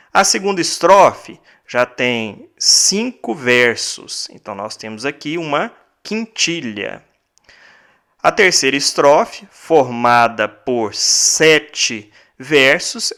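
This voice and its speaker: A man with a Brazilian Portuguese accent talks through a recorded lesson at an unhurried, deliberate pace. His voice is bright and forward. He is methodical, repeating each point and counting items aloud one by one. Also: medium pitch. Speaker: teacher.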